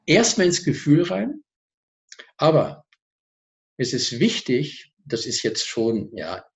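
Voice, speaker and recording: A man, a speaker on personal growth, explaining his ideas as a guest in a TV interview, lively and full of examples. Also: fairly high pitch, takes it slowly.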